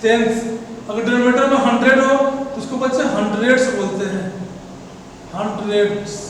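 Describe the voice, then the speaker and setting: A male math teacher giving a lesson, addressing his pupils as children, asking questions and answering them himself, and reading out digits slowly one by one. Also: very high voice, fairly bright tone, slight background noise. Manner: keeps calling the listeners "children" and asks questions he answers himself. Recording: very echoey long reverb from far off.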